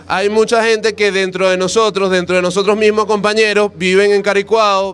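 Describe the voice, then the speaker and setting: A man's voice: high-pitched, clear, resonant tone. A man in his thirties with a Venezuelan Spanish accent, giving an impassioned political speech into a handheld mic in an outdoor plaza. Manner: forceful, repetitive rallying cadence, gesturing hard. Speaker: activist speaking on street radio. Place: outdoor plaza under a canopy. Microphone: handheld mic close to mouth.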